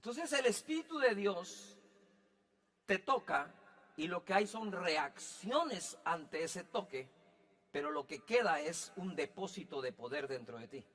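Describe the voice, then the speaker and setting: A man's voice: sits high, animated, measured pace, a bit bright, big-room sound. A man preaching a sermon as a pastor, talking in a loose, joking way and often asking the listeners whether they follow him. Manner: conversational, joking, keeps asking if he is understood.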